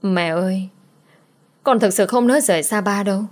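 A woman's voice: mid-range voice, moderate pace, darkish tone, natural voice. A woman voicing a sad young girl who pleads tearfully with her mother. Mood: pleading.

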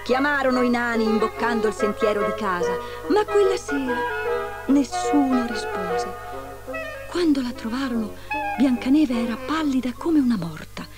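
A woman reading a fairy tale aloud in an expressive storytelling manner. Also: on the high side, moderate pace, over loud music.

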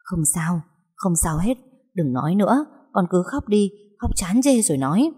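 A woman's voice: fairly low pitch, sing-song, moderate pace, warm tone, breathy edge, full character voice. A woman voicing a protective, motherly older kitchen aunt who comforts and scolds by turns, in a storybook reading. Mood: soothing. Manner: soothing, then firm and scolding. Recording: long hall reverb.

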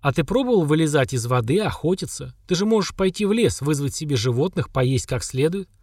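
A man's voice: on the high side, expressive, brisk, darkish tone, husky, no room sound, clean studio sound. A man voicing a confident young hero with an ironic, questioning, grumbling manner. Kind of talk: audiobook character voice.

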